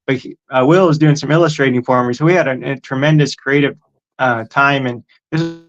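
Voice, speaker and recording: A man in a casual online interview talks in a hesitant way, with many fillers and restarts. His audio comes through a dull, lo-fi stream that keeps cutting out. His voice sits at an ordinary middle pitch. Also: fairly bright tone. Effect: voice breaking up over a poor online stream. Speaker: interview guest. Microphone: online video call.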